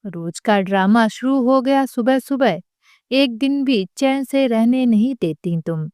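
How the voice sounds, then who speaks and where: A woman's voice: fairly high pitch, animated, a little slow, a little mellow, dry recording, studio quality. A woman voicing an irritated young husband who grumbles in an annoyed way.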